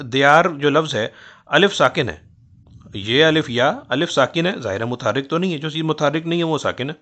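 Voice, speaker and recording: A man teaching a lesson on poetic meter, explaining patiently and slowly chanting out syllables as he scans lines. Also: on the high side, a bit bright. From South Asia. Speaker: Urdu poetry teacher.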